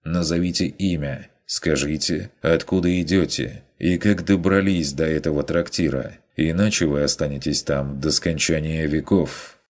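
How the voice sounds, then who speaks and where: A man voicing a stern male inquisitor who questions in a measured, coldly commanding way. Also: a bass voice, steady tone. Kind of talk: audiobook character voice.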